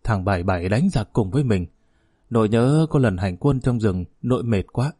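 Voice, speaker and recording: A man voicing a dying old former police chief, warm, reminiscing and fatherly. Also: on the low side, lively intonation, normal speed, breathy edge, no echo, studio quality. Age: older.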